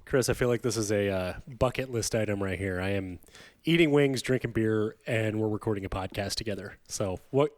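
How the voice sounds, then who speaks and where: A man's voice: lowish voice, fairly quick, no room sound. A man appearing as a podcast guest in a bar, chatting in a friendly, self-deprecating way and repeating points to explain them. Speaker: podcast guest, hospitality expert. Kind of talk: casual interview.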